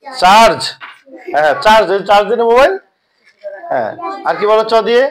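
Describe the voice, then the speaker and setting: A man from Bangladesh teaching English words to young children in a madrasa classroom, coaxing them to repeat after him and to say it louder. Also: high-pitched, lively intonation, moderate pace. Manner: coaxing, repetitive drilling, urging pupils to repeat louder. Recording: noisy classroom with children's chorus. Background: children chanting answers.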